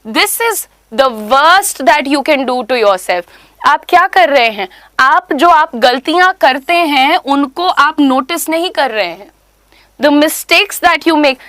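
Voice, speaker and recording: A woman's voice: sits high, fairly bright tone, dry recording. A young woman with an Indian accent giving an online spoken English class, emphatic and instructive, repeating key points. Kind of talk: online class lecture in mixed Hindi and English.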